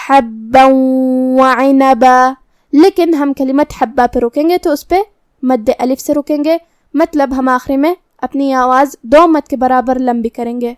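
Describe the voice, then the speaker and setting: A woman with a Pakistani Urdu accent teaching recitation rules methodically, explaining each letter's articulation and then chanting the words slowly and drawn out. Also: sits high, darkish tone, no room sound, clean studio sound. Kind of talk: tajweed lesson with slow chanted recitation.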